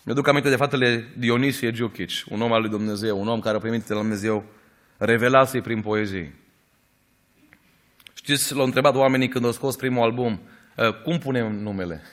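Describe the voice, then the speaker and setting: A man preaching a sermon in an earnest storytelling way, rising at times to emphatic, louder peaks. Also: medium pitch.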